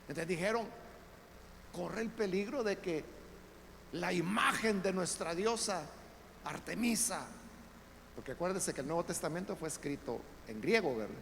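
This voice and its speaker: High-voiced pastor preaching. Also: male voice, gravelly. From El Salvador. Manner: conversational preaching, addresses listeners as brothers, frequent tag questions; builds to loud emphatic peaks. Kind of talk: Bible study sermon. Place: church. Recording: reverberant church hall, faint background noise.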